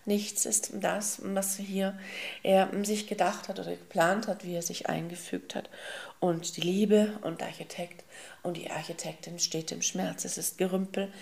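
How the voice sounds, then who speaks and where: A woman spiritual teacher slowly and emphatically tells a parable, calling her listeners souls and beloved ones and humming softly as filler. Her lowish voice is steady, with vocal fry.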